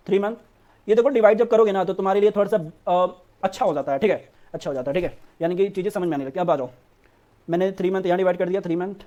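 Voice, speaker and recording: A commerce teacher with a high, warm voice teaches accounts online to students preparing for board exams. Like a brother, he coaxes them along, frequently saying "theek hai."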